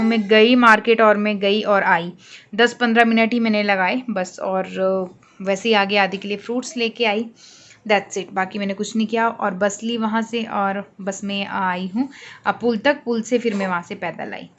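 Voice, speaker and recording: A woman's voice: medium pitch, steady tone, moderate pace, a bit bright, highs cut off, slight background noise. A young woman from Himachal with a Himachali Hindi accent, chatting casually at home in a vlog and mixing in English phrases. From Himachal Pradesh, India. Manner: chatty, mixes English phrases, talks to her baby. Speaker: vlogger, young mother. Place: home, indoors.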